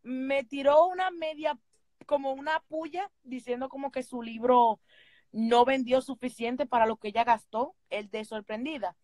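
A woman with a Dominican Spanish accent chats about books in a gushing, animated way, now and then slipping into English. Her voice sits high, and the sound is close and dry with no room around it. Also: unhurried, dry recording. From Dominican Republic. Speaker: book channel host. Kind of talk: casual chat.

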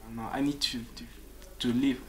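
Sitting in a small office with pictures on the walls, a twenty-something musician and composer from Peru answers interview questions informally. His mid-range voice is level and a bit bright, broken by pauses and halting restarts while he searches for words, with faint hiss behind him.

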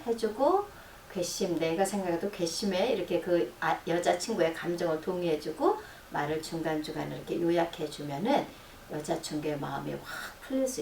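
A middle-aged woman psychologist explaining advice in a radio-style talk, acting out sample lines of dialogue in a softer, lower voice. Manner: explanatory, acts out sample dialogue in a soft low voice. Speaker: counseling psychologist giving advice. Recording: roomy, distant, faint noise.

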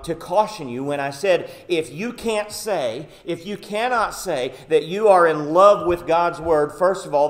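Earnest male pastor preaching a sermon. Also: medium pitch. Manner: earnest, emphatic preaching with many "uh" and "um" fillers. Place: church sanctuary.

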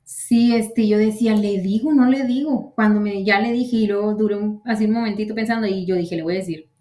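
A woman shares the events of her citizenship interview in a casual interview setting, leaning heavily on quoted conversation. She speaks in a steady, mid-range voice with a darkish tone, a little fast. The room echoes.

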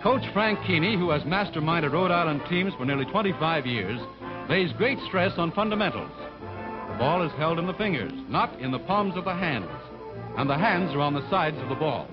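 On an old 1940s newsreel soundtrack, a man with a fairly high voice delivers formal, scripted sports narration in an announcer-like manner, very animated and at normal speed. The film sound is dull and lo-fi, with a loud music score behind him.

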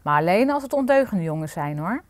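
A woman's voice: fairly low pitch, sing-song, a little fast, no room sound. A woman reading aloud and voicing an ogre's meek, friendly wife in a children's storybook. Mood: mild.

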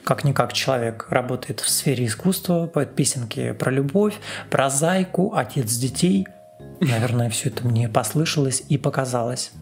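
A man's voice: mid-range voice, lively intonation, moderate pace, gravelly, soft background music. A former TV reporter, a man, narrates a story in a sarcastic monologue.

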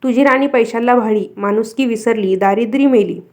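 A woman's voice: darkish tone, close to an everyday voice. A woman voicing an angry old beggar woman. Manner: slow, coughing, low-voiced. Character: old woman goddess in disguise, stern and offended.

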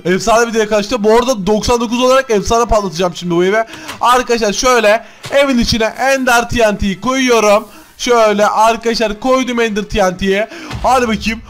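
A man narrating Minecraft gameplay in a very high voice, talking fast and excitedly. He keeps calling out to his audience as he goes, breaking into loud bursts of alarm along the way. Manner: excitable, keeps addressing the viewers. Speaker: gaming YouTuber.

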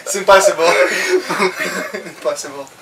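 A man in his twenties with a Russian accent, haltingly attempting and repeating tongue twisters in a small cabin. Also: high-pitched. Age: 20s. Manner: stumbling through tongue twisters, repeating them. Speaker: deck cadet, challenge participant. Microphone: camera a few feet away. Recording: distant mic, clear background noise.

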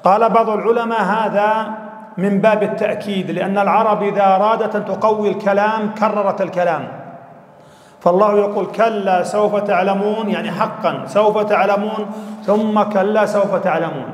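Male religious teacher, high voice, patient explanatory delivery, recorded in a reverberant hall. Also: fairly even intonation. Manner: measured, explanatory, with self-restarts and repeated phrases. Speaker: Islamic teacher. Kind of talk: Quran commentary lesson.

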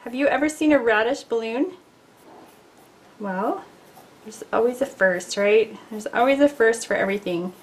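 A woman's voice: on the high side, normal speed, long pauses. Chatty woman teaching a sketch. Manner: chatty and playful, talks to viewers while sketching. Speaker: art teacher. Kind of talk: casual drawing tutorial. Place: at a drawing desk indoors.

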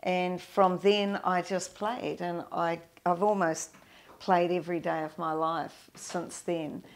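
An older woman from New Zealand with a gravelly voice appears as a guest musician in an interview, set in an indoor studio with framed awards. Her voice is on the low side with fairly even intonation, and she speaks slowly. She sounds reflective, restarting often and using many fillers.

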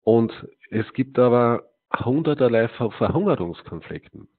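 A man's voice: medium pitch, sing-song, moderate pace. A man giving a live talk to a seated audience, emphatic, asking rhetorical questions and answering them himself, with frequent hesitations. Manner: sprinkles in "ja" and hesitant "äh". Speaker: lecturer. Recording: tinny, phone-like narrow sound.

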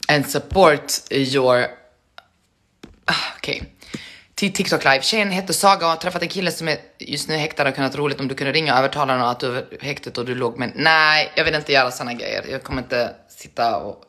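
A woman's voice: rumbling low, pushed and bright. A woman chatting casually to her live-stream viewers between prank calls, joking and laughing at herself. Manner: chatty, self-mocking, laughs often.

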